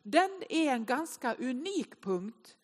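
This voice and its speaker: A woman, telling self-mocking stories in an animated way during a humorous Sunday sermon to a congregation. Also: high-pitched. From inland northern Sweden. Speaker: speaker at a Sunday service. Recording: long reverb of a large hall.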